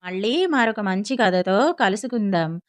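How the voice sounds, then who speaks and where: A woman storyteller reading a children's tale in steady, measured audiobook narration on a close mic. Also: medium pitch, dry recording.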